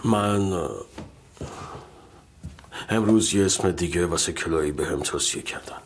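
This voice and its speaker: A tired middle-aged dad who hesitates and trails off, voice sitting low, voiced by a man for a dubbed series. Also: background noise, lightly acted. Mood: weary. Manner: hesitant, halting with fillers. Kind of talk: dubbed drama dialogue.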